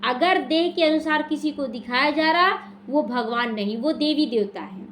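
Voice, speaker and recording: Her voice high-pitched and fairly bright at normal speed, an Indian spiritual teacher explains the daily murli in a small prayer hall. She guides a devotional class through scripture, answering her own questions amid slight background noise.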